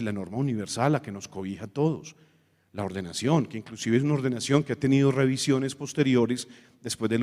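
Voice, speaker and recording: A man, a priest, giving an animated talk on the liturgy and breaking into snatches of hymns. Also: mid-range voice. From Colombia. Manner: animated, sings snatches of hymns and acts out quotes. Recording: long hall reverb.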